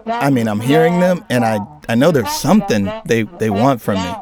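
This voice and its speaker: A man co-hosting a career advice podcast, telling stories in an animated way and acting out exasperated listeners. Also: medium pitch, normal speed, music in the background. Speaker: co-host.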